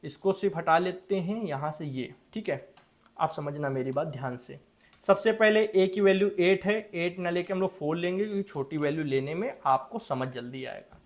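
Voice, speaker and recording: Young guy teaching coding, kinda high voice, keeps asking if you got it. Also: normal speed. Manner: chatty, repeats "ठीक है" and checks understanding. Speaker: programming teacher. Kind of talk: casual classroom explanation.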